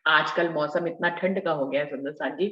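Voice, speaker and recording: A woman leading a devotional scripture discussion, explaining verses slowly and repeating key phrases for emphasis. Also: deep voice, a bit bright, roomy sound, muffled recording. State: slightly unwell. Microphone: video call.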